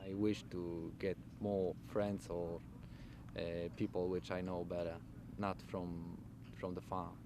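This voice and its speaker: Polish-accented farm worker, man, very slow and halting, noisy outdoors. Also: deep voice, flat delivery. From Poland. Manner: slow, halting, searching for words. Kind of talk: interview.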